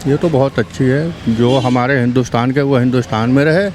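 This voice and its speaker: A man's voice: medium pitch, a little fast, crowd noise. A man from Bihar giving his opinion on the street in an emphatic, repetitive way. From Bihar, India. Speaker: interviewee. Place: outdoors on a city street. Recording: street traffic noise.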